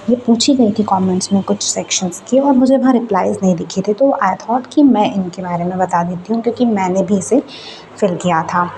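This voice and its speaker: A young woman student talks casually in a vlog. She reads form text out slowly and then explains it in Hindi. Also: medium pitch, noisy background. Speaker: student vlogger.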